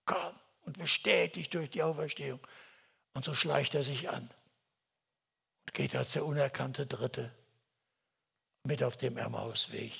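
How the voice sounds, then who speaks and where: Gravelly, dramatic male preacher. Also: medium pitch, a little slow, long pauses. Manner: dramatic, swings from hushed whispers to loud exclamations. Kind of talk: sermon.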